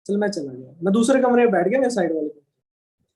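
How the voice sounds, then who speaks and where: A young man with a noticeably high voice speaks to a live audience at a business training session. He tells his story in a loose, colloquial way, full of back-and-forth retelling. He keeps checking in with his listeners through quick tag questions. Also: animated, a little mellow, breathy edge, rough recording.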